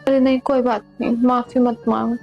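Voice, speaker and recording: Actress playing a gentle sister-in-law, steady flat delivery, a bit high. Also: female voice, moderate pace, gravelly, muffled recording, faint music behind. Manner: calm, reassuring.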